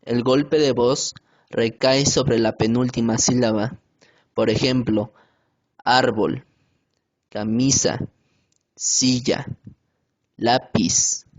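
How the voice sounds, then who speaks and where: A man reading a grammar lesson aloud in a slow, careful way, with some hesitations. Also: mid-range voice, fairly even intonation. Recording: dull lo-fi home recording.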